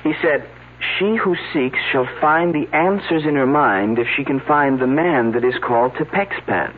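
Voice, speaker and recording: Speaking at a moderate pace in a mid-range voice with light acting, a man portrays an earnest young dig worker who is eager, a little flustered, and stammers when thrown off. It's 1970s radio drama acting, heard as a tinny old radio broadcast with slight background noise.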